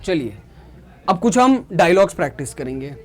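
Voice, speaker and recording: With a high, sing-song voice, an Indian man teaches German to beginners at a slow pace. He repeats words as drills, explains things patiently, and keeps asking whether the class is following.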